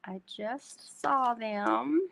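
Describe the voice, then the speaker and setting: A woman's voice: a little high, drawn-out words, gravelly, fairly bright tone, a little hiss or hum. A woman from North Texas with a Texan twang, hosting a chatty live craft tutorial and talking to her viewers as y'all. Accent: Texan Southern twang. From North Texas, USA. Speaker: host demonstrating card making.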